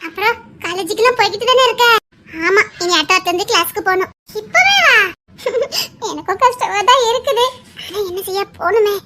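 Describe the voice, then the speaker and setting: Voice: very high voice, animated, fairly quick, pushed and bright, a little hiss or hum, exaggerated voice. A performer playing an emotional young woman with a Tirunelveli Tamil accent, who pleads with her friend and teases her.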